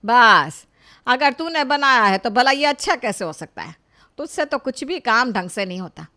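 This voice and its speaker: Bossy older mother-in-law, loud and harsh when she scolds, voiced by a woman, a bit high, storybook cartoon. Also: expressive, normal speed, no echo, studio quality. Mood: scolding.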